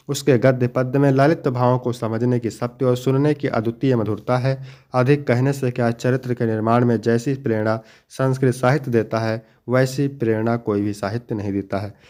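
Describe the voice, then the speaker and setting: A man's voice: mid-range voice, a little mellow. Young guy teaching exam prep, goes answer by answer, drags out the important bits. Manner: explains each answer step by step, then reads the next question; slows to stress key points.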